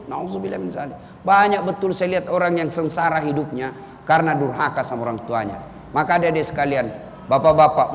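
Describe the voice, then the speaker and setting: Lively preaching man. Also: fairly high pitch, vocal fry, a little hiss or hum. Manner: lively storytelling, acts out voices in quotes. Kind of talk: sermon with humorous anecdotes. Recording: reverberant hall with faint ambience.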